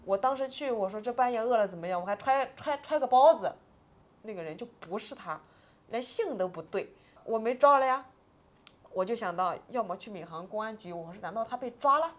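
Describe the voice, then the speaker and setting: A woman's voice: a little high, expressive, a little fast. A woman in her forties, an interview guest, telling a painful personal story with agitated, tearful swings between subdued and raised voice.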